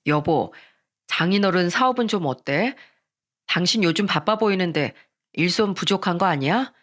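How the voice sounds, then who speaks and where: Woman doing a young husband, firm and pitched down, for a radio story. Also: animated, normal speed, a bit bright. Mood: earnest.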